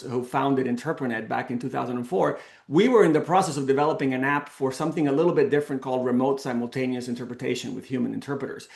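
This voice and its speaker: Middle aged guy from the canary islands, gravelly voice, lots of restarts, echoey room. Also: medium pitch. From Canary Islands, Spain. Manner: warm storytelling with frequent restarts and fillers. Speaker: company founder and CEO. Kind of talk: casual presentation on a video call.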